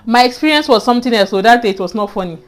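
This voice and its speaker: Rapid-fire and expressive, her voice on the high side, a young Nigerian woman with a Nigerian accent vlogs a personal story to camera in a casual way. She tells it earnestly to her viewers, frequently repeating points and tacking on "you know."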